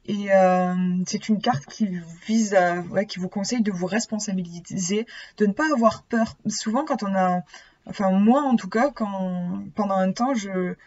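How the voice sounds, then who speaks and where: A woman's voice: mid-range voice, a little slow, a little mellow, highs cut off. A woman with a lisp giving a card reading, speaking to the viewer. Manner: hesitant, searching for words. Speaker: oracle card reader. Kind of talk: casual card reading, with passages read from a booklet.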